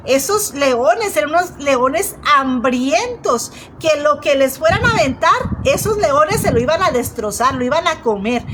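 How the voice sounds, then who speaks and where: A woman preaches a sermon in a high voice. She retells the story and speaks straight to her listeners. She often stops and restarts her phrases, and a faint hiss sits under her voice. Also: a bit bright, rough recording. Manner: storytelling, addresses listeners directly, frequent restarts.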